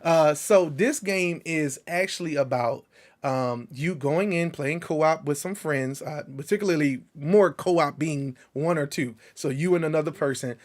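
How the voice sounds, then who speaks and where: Casting note: male co-host, slangy and excitable, a slightly higher voice than most men, keeps the chat loose and lively. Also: measured pace. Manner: excitable, animated storytelling with slang. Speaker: podcast co-host. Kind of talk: casual show chat.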